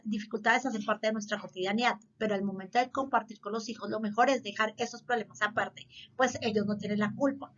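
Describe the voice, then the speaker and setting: A woman school counselor gives an earnest, explanatory talk to parents, repeating points for emphasis. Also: fairly high pitch. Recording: slightly dull lo-fi audio.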